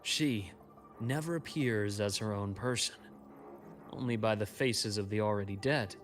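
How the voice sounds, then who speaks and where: An actor playing a calm, secretive male informant in a video game, delivering grave, deliberate exposition. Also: fairly low pitch, faint music behind, lightly acted.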